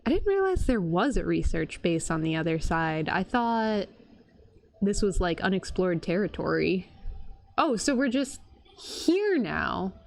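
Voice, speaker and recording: A woman streaming a video game with casual, reactive live commentary, expressive and full of exclamations. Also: on the low side, measured pace, vocal fry.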